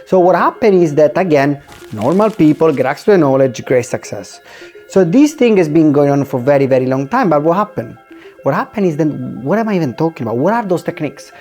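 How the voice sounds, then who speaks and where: A man's voice: a little high, lively intonation, a little fast, a little mellow, soft background music. A man with an Italian accent telling a story in a casual, comedic way, in loose non-native English with theatrical asides. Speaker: presenter.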